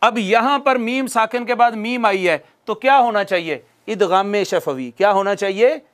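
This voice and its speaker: A male recitation teacher giving a classroom lesson, repeating definitions slowly for dictation and asking questions he then answers himself. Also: high voice, fairly bright tone.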